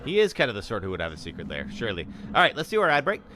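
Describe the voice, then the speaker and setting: A man's voice: on the low side, huge pitch swings, racing, crowd noise. Man live-streaming a game. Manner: chatty, reads game text aloud. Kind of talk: live gameplay commentary.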